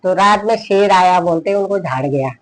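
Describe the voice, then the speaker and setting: Kumaoni man, high-pitched storyteller, loose and repetitive telling. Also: moderate pace, rough recording. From Uttarakhand, India. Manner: rambling, repeats "he said" often. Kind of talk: casual oral storytelling.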